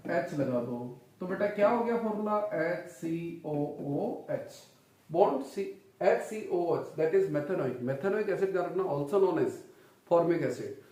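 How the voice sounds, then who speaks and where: Heard from afar in a very reverberant room, a man whose voice sits high and sounds a little mellow teaches a chemistry class. He quizzes the students with repeated questions, calling them "children" and "son," and isn't speaking into the mic.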